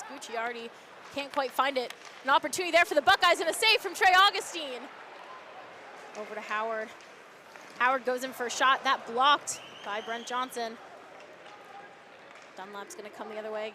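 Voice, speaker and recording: A woman announcer giving rapid, excitable hockey play-by-play as the action moves. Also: fairly high pitch. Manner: excitable, voice jumps on shots and goals. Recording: live arena noise behind. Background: hockey arena ambience.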